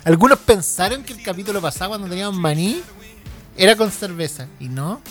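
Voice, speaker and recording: Chilean male co-host, lively pitch, casual slangy banter, music faint behind. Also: a little fast. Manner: slangy, laughs often, animated. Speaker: podcast co-host. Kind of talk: casual chat.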